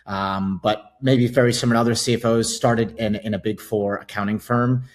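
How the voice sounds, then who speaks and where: A middle-aged Canadian finance executive, appearing as a guest CFO on a podcast interview, talks casually and pokes fun at himself, using lots of filler words. His voice is fairly low and steady, and he speaks a bit quickly.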